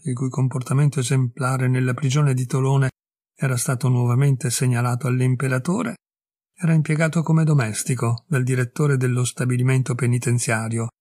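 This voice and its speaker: A man reading a classic short story aloud as narrator, in a measured, steady storytelling manner. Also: medium pitch, no echo, clean studio sound.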